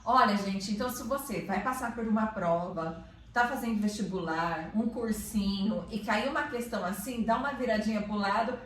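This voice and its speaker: A woman's voice: medium pitch, normal speed, very echoey, recorded from a distance, a little hiss or hum. A woman hosting a casual chat, playful and laughing often.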